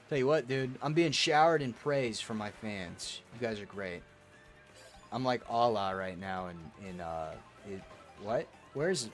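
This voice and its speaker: A young man streaming a kart racing game, reading chat aloud and answering in crude, profane banter. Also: mid-range voice. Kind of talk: casual gaming stream chat.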